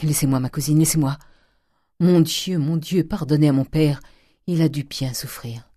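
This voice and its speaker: A distraught young man in fresh grief, as the reader acts him out. His lines come out anguished and pleading, in a dark, dry storybook voice. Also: mid-range voice, moderate pace, no room sound, lightly acted.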